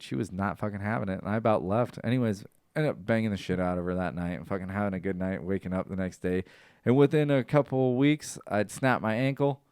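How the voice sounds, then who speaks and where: A man hosting a casual podcast, telling profane stories in an animated way, his voice leaping up when he gets excited. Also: fairly low pitch, clean tone, dry recording, studio quality. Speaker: podcast host. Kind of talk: casual storytelling chat.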